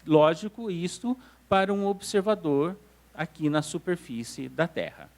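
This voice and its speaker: Brazilian male lecturer, slightly high voice, patient step-by-step explainer. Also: animated, unhurried, darkish tone. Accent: Brazilian Portuguese. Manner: explanatory, checks understanding with "tá certo?". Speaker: astronomy lecturer. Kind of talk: classroom lecture. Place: council hall lecture room.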